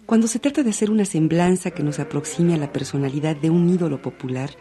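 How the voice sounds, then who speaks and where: A woman's voice: sits low, fast talker, mellow. A woman hosting a radio program, presenting in an articulate, slightly formal way. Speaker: radio host.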